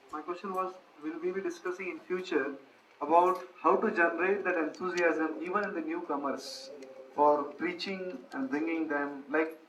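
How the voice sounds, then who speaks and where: A man's voice: a little high, fairly bright tone, a little hiss or hum. A man hesitantly asks a question during a seminar, searching for his words. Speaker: seminar participant. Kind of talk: asking a question. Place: seminar hall. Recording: echoey room from far off.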